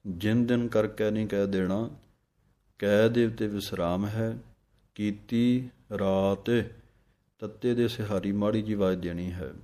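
A man teaching recitation, chanting each line slowly and deliberately, then explaining it. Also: on the low side, fairly even intonation, dark tone. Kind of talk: pronunciation lesson with slow recitation.

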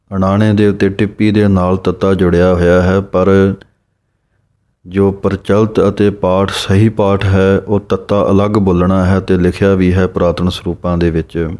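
A man teaching correct recitation of scripture, explaining pauses and pronunciation, then reciting lines slowly. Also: low voice, warm tone.

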